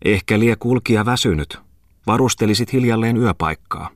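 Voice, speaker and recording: A man's voice: fairly low pitch, no room sound, clean studio sound, voice pushed up, close to an everyday voice. A man voicing an older miller who calls out half joking, half serious. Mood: teasing. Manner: calling out, half teasing.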